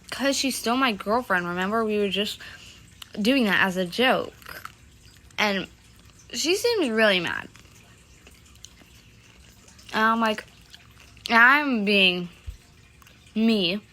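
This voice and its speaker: A woman's voice: mid-range voice, animated, takes it slowly, pauses often, sharp tone. A young woman telling a casual storytime, rambling with lots of fillers and loosely quoting the others. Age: young adult.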